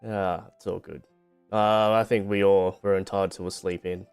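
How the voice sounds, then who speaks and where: Smooth, low-voiced man chatting casually on stream. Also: level tone, moderate pace, a little mellow. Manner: informal, rambling, lightly self-deprecating, mild swearing. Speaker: VTuber streamer on debut stream. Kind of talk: casual livestream chat. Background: background music.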